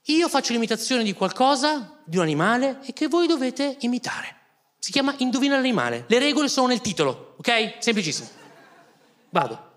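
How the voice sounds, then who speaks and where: A man in his thirties, a comedian telling funny stories in an animated, exasperated way and laughing through his punchlines. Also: extremely high pitch, a little fast. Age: 30s. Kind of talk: comic storytelling.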